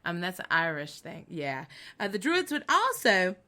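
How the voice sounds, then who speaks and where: A woman co-hosting a casual chat show, excitable and laughing often as she shares facts. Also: on the low side, normal speed. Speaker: co-host.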